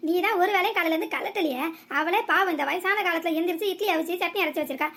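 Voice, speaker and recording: A woman voicing a sharp-tongued old village mother-in-law in a cartoon, with a southern Tamil accent and long scolding rants. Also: very high voice, quick pace. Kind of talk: cartoon voice acting.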